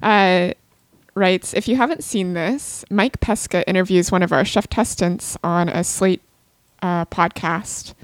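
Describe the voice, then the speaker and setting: A woman's voice: fairly low pitch, measured pace, dry recording. A woman co-hosting a casual podcast, talking hesitantly with many fillers. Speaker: podcast host. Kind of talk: casual chat.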